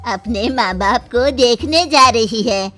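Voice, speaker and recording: A woman voicing a calm, patient elderly mother-in-law in a cartoon, gently scolding. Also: on the high side, slow pace, faint music behind. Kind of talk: cartoon voice acting.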